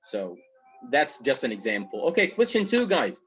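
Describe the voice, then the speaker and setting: A man's voice: mid-range voice, huge pitch swings, normal speed, fairly bright tone, dull audio, faint music behind. A man from Egypt with an Egyptian accent, teaching an IELTS speaking class and checking in often with "okay". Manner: explains with repeated okay checks. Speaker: English teacher.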